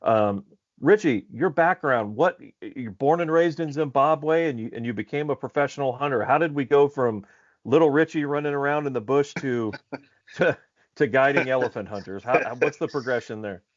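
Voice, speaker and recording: A man's voice: mid-range voice, moderate pace, no echo. A man from Alaska hosting a hunting podcast, upbeat and rambling with fillers. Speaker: podcast host. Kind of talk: casual podcast interview. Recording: slightly dull lo-fi audio.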